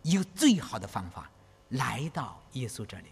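Middle-aged male pastor, lively sing-song delivery, husky, recorded in an echoing hall. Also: medium pitch, moderate pace. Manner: animated, repeats phrases, asks "you know?". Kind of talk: sermon.

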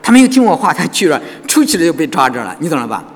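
A man delivers a sermon in a church hall, his voice high and swinging widely in pitch. His tone is a little husky, and the long reverb of the hall trails after every phrase. He keeps turning to the congregation with rhetorical questions. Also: very fast. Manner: animated preaching with frequent rhetorical questions to the congregation. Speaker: pastor.

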